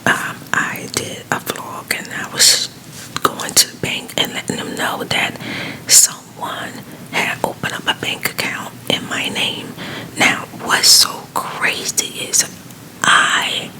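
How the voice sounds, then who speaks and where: A woman telling a rambling, conversational personal story in a hushed, breathy ASMR whisper, quiet as if at night. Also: slow, low-quality recording.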